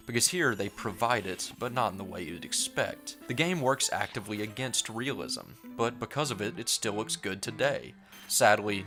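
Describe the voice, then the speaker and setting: A man in his thirties narrating a scripted video essay as a game reviewer, articulate and measured in his critique. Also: fairly low pitch, a bit bright.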